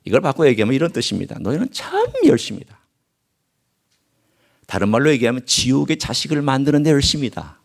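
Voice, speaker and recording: A male pastor preaching a sermon in church, swinging from loud emphasis to hushed asides and acting out quoted voices and dialect. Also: mid-range voice, rapid-fire, creaky, few pauses. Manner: acts out quoted speech and regional dialect phrases. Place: church sanctuary.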